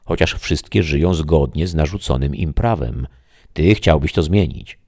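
A man's voice: very deep voice, expressive, normal speed, warm tone, exaggerated voice. A man voicing a solemn, all-knowing disembodied voice.

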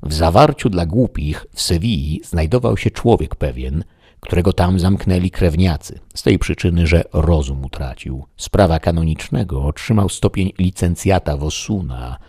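Very deep husky male narrator. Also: a little mellow, no echo, studio quality. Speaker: audiobook narrator. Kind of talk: scripted narration.

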